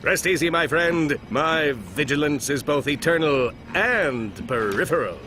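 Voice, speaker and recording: A bombastic space hero captain from a video game, all pomp and bumbling cowardice. His fairly high male voice swings dramatically up and down, with music playing behind him. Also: lively intonation, unhurried, noisy background. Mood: boastful. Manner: bombastic, theatrical. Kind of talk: animated game voice acting.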